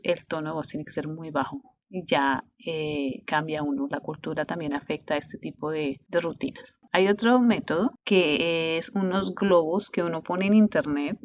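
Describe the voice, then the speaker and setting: Latin American woman teacher, low voice, patient restarts, dull lo-fi recording. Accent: Latin American Spanish. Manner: unhurried, with frequent restarts. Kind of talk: explanatory teaching talk.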